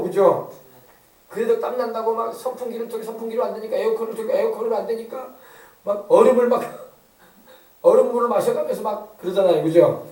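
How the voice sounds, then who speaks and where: A man's voice: high-pitched, mellow, echoey room, far from the mic, rough recording. A male pastor preaching an emphatic sermon, often asking the congregation to agree. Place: church sanctuary.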